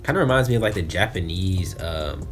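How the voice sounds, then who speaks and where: With soft music in the background, a young adult American man speaks in a low, expressive voice at a fairly quick pace. He's a fishing vlogger chatting through an unboxing in a laid-back, slangy style. He records in a small bedroom on a camera at arm's length.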